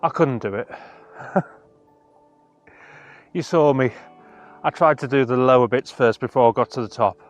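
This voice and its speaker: Halting, earnest man on a mountainside. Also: medium pitch, highs cut off, faint music behind. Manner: earnest, halting, self-deprecating. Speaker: hiking vlogger. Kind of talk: casual walking vlog chat. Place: outdoors on a mountainside. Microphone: camera on a monopod.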